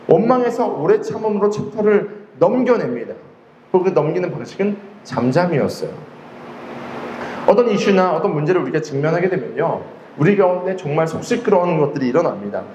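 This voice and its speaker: A man's voice: high-pitched, darkish tone, dull audio, a little hiss or hum. A male pastor preaching a sermon in a conversational way, often asking the congregation questions. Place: church hall. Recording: echoey hall with faint ambience.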